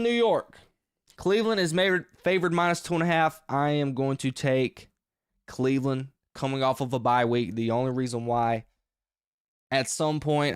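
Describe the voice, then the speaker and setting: A man hosting his own sports podcast, talking through his game picks in a casual, energetic, rambling way with emphatic outbursts. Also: mid-range voice, smooth, dry recording, clean studio sound. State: short of breath.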